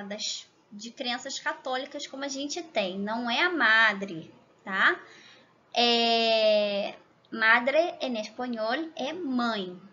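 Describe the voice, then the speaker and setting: A Brazilian woman from Rio de Janeiro with a Rio accent, teaching a language lesson to camera, chatty and checking in often with the viewer, slowing down to exaggerate pronunciation. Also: sits high, bright, forceful tone, muffled recording. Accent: Rio de Janeiro Portuguese. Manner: slow, exaggerated demonstration of pronunciation. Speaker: Spanish teacher.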